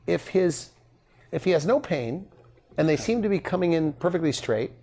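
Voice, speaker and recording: A man's voice: fairly high pitch, expressive, moderate pace, vocal fry, warm tone. A middle-aged man interviewing in a casual, conversational questioning style.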